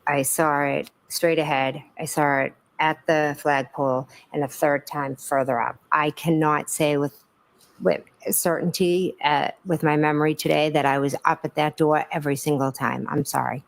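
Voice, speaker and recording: A woman's voice: sits low, steady tone, normal speed, vocal fry. A woman testifying as a witness in a courtroom, giving careful, hesitant and apologetic answers.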